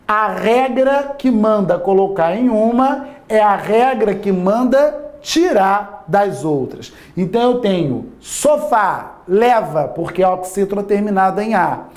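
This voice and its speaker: A man's voice: sits high, darkish tone. A man teaching a Portuguese grammar lesson, constantly asking his listeners rhetorical yes-or-no questions and stretching out key words for emphasis.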